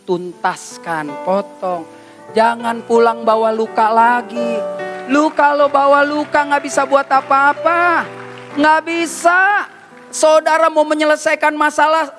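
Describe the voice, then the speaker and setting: A male pastor, preaching a lively, joking sermon in street slang at a retreat. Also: very high-pitched. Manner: joking, teasing, slangy storytelling. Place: church retreat session.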